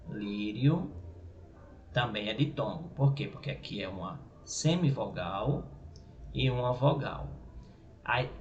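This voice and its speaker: A male teacher with a Brazilian Portuguese accent explains a grammar point slowly and haltingly. He repeats words and keeps checking in with his listeners. The recording sounds echoey, with faint noise underneath. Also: medium pitch. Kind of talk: grammar lesson.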